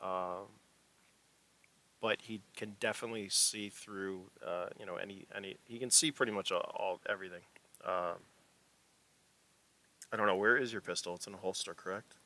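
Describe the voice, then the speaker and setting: A man's voice: low-pitched, steady tone, normal speed, pauses often, sharp tone. A man running a tabletop game as game master, narrating in a loose, rambling way with fillers. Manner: rambling, many fillers and restarts.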